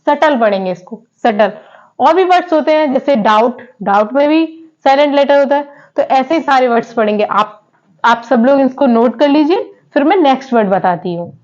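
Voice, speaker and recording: A woman's voice: high voice, lively intonation, normal speed, a little mellow. A woman teaching English in a classroom style, repeating each word and quizzing her students with questions. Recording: dull lo-fi sound.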